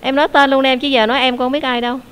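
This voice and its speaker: A woman's voice: sits high, little pitch movement, rapid-fire, a bit bright. A woman teacher, leading an online English class, explaining answers patiently and quizzing her students.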